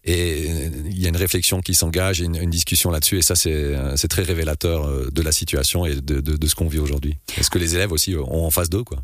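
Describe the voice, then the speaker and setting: A radio host talks quickly in a very low voice, and fillers and small stumbles break up his questions. He is heard close on a dry studio microphone. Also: fairly even intonation, no echo. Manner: hesitant, many fillers. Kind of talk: radio interview.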